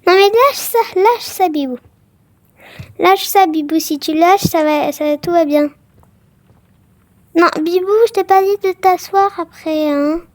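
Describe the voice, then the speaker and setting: Woman, high voice, slow unhurried talk, chatty game commentary, exclaims a lot, dry close sound. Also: dry recording. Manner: chatty, exclaiming, many fillers. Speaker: gaming vlogger. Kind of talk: casual game commentary to viewers.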